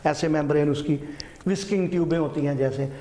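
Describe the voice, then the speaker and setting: High-voiced teacher lecturing in an echoey room. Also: male voice, a little fast, dark tone. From Pakistan. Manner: repeats terms, checks in with "ठीक है"; mixes English terms into Urdu. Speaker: science teacher. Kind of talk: classroom biology lecture.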